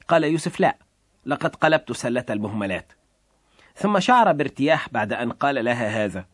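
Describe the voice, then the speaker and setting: A man's voice: medium pitch, husky, no echo. Earnest male story narrator, dry sound.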